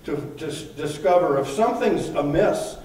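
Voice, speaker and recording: Recorded at a distance in a heavily echoing indoor gym, a man in his sixties earnestly walks through a workout step by step as an instructional demonstration. His slightly high, darkish voice has lively intonation and a moderate pace.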